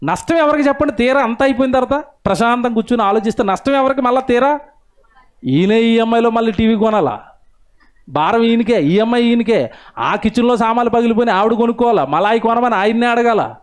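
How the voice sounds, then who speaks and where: A man preaching a sermon in a lively, conversational way, asking his listeners questions and acting out the people he quotes. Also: extremely high pitch, brisk. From India. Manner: animated, conversational, rhetorical questions, acts out quoted voices.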